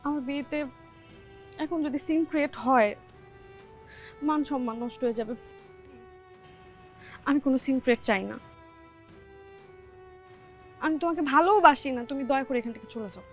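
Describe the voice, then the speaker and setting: An actress playing a young bride who confronts a man in a sharp, exasperated way. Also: high-pitched, normal speed, long pauses, faint music behind, natural voice. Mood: pleading. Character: young bride, fed-up and firm. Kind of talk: TV drama acting.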